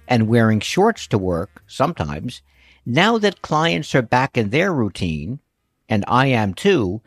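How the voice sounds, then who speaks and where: A man's voice: medium pitch, no room sound, studio quality. A man hosting his own podcast, talking through his bookkeeping work in a chatty monologue that wanders into asides. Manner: chatty, prone to digressions.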